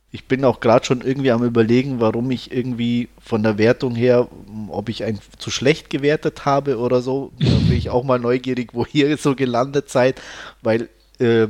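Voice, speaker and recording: A man's voice: medium pitch, darkish tone. A man chatting casually in a film review podcast, talking freely with many fillers and restarts. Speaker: podcast host reviewing films.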